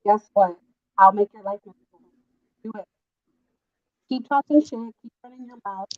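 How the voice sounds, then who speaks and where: A woman's voice: mid-range voice, moderate pace, no room sound. A woman on a video call who argues in a confrontational way and keeps calling people "girl", her voice sounding muffled, as if from inside a tunnel. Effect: muffled, tunnel-like call audio. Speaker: guest on a live call-in stream. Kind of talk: heated casual chat. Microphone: phone or computer on a video call. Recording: muffled dull online call line.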